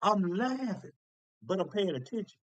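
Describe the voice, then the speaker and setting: High-voiced man preaching a sermon. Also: very animated, moderate pace, dry recording, muffled recording. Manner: folksy, emphatic preaching with repetitions.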